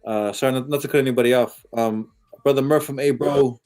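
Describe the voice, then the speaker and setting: A man's voice: medium pitch, fairly even intonation, brisk, dark tone. A man from Samoa hosting a casual chat, telling rowdy stories loosely with swearing and laughter and reading out comments. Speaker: podcast host reading live-stream comments.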